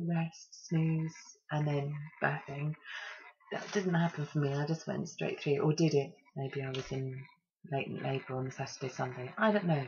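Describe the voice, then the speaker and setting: A woman in her thirties telling her own story in a candid, chatty way, with many ums and pauses, on a muffled home recording. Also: low-pitched, vocal fry, darkish tone, breathy edge. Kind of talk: casual personal storytelling.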